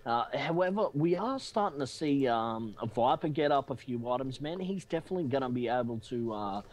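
A man giving relaxed color commentary on a video game match, breaking up his analysis with fillers, restarts and a casual "man". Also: medium pitch, brisk, a little hiss or hum, rough recording. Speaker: esports co-caster.

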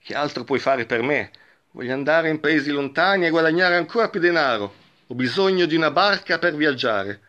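A man's voice: fairly high pitch, lively intonation, a little fast, bright, forceful tone, lo-fi sound, voice pushed up. A man doing a brusque, greedy grown man. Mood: grumbling. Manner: brusque and dismissive.

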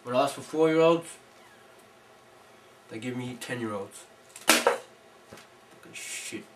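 A man voicing a hot-tempered, foul-mouthed older Santa Claus who rants and shouts. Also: mid-range voice, slow, recorded from a distance, a little hiss or hum. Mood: grumbling. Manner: ranting, shouting, swearing.

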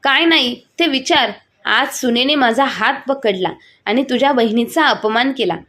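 A woman voicing an angry, domineering older mother-in-law who scolds in a shrill, bossy way. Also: normal speed, a bit bright. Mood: wailing, indignant.

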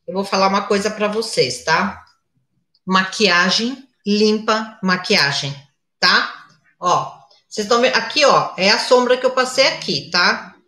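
A mature woman teaches makeup in a slow, chatty way and keeps checking in with her viewers. Her voice is bright and clear. She is recorded in an echoey room. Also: medium pitch. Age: older. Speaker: makeup instructor. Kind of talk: live makeup tutorial.

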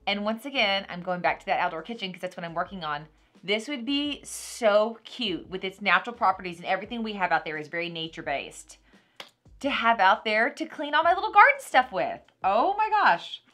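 A Texan woman from the United States hosts an unboxing video, chatting casually about a product at a table in a small decorated room indoors. Her bright, mid-range voice moves briskly, and she sounds gushing and animated.

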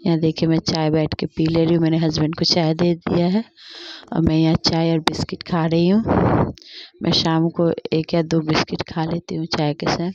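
A woman's voice: sits low, monotone, normal speed, a little mellow, lo-fi sound. A young woman narrating her evening routine in a family vlog, walking through each chore step by step. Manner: plain step-by-step narration, repeats "dekhiye". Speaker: family vlogger.

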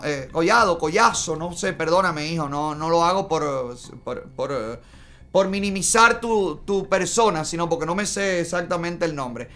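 A man's voice: high-pitched, bright, forceful tone. A middle-aged Cuban man hosting a studio show, giving indignant political commentary and gesturing a lot as he talks. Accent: Cuban Spanish. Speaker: host. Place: small studio in front of a bright backdrop.

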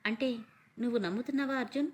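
A woman's voice: a little high, fast, lightly acted. A woman voicing a young woman who pleads earnestly after being wrongly accused, in a storybook reading. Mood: hurt pleading.

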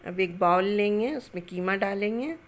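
A middle-aged woman runs a cooking channel from her home kitchen, calmly explaining a recipe step by step with homely greetings and blessings. She speaks at a medium pitch and normal speed.

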